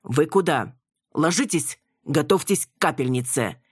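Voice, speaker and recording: Woman playing a gruff, menacing fake doctor. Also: low voice, lively intonation, no room sound, studio quality, full character voice. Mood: snapping. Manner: gruff and snapping, then a slow menacing tirade. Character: brutal, shifty fake male doctor.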